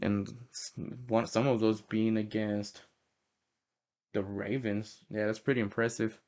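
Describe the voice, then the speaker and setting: A young man with a fairly low voice talks through his football picks in a loose, casual way. He corrects himself mid-sentence and banters like a fan. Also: level tone, a little slow, darkish tone. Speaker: host. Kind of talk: casual sports prediction talk.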